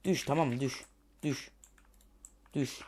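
Gamer guy, let's play commentary; talks to himself, mid-pitched, quick to grumble and curse. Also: steady tone, a little mellow. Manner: frustrated, grumbling and cursing at the game; thinking aloud while building.

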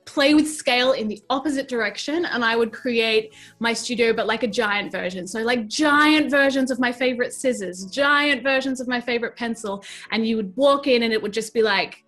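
Faint music plays behind this fairly high, slightly bright voice. She's a New Zealander in her thirties, an enthusiastic guest on a casual craft chat, gushing in fast bursts from a colourful craft studio set.

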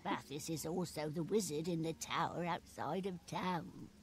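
A woman's voice: deep voice, moderate pace, a little hiss or hum, close to an everyday voice. An actress playing a wretched old beggar woman in a video game, alternating between a feeble voice and a plainer one. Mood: pleading, obliging.

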